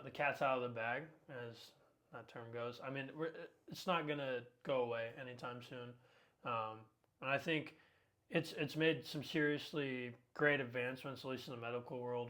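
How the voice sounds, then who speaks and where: Upbeat twenty-something male co-host, talkative, casual and filler-heavy, average pitch. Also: a bit bright. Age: 20s. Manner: talkative, upbeat, frequent ums and uhs. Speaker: podcast co-host. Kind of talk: casual podcast chat.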